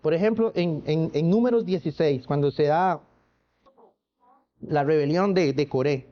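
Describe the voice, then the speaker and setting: A man's voice: on the high side, moderate pace, dull audio. Costa Rican man preaching a sermon. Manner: earnest preaching with frequent restarts and rhetorical questions. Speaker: pastor. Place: church.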